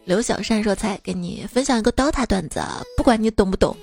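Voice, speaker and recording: A young woman hosting a comedy podcast, reading listener jokes in a lively, casual way and laughing at them. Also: mid-range voice, quick pace, creaky, faint music behind.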